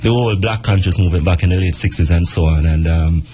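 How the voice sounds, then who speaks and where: A man's voice: deep voice, fast, dark tone, slight background noise. A man, a radio sports presenter in casual ad-libbed chat.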